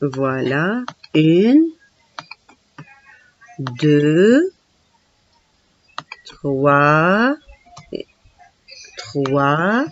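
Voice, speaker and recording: Very slow patient teacher woman. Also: low voice, big pitch swings, highs cut off. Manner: slow, patient, syllable-by-syllable counting. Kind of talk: classroom reading lesson.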